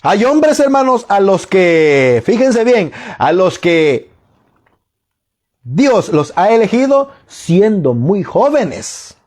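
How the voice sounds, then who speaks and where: Slow, high-voiced preaching man. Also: big pitch swings, a little mellow. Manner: slow, emphatic preaching with rhetorical questions. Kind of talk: sermon.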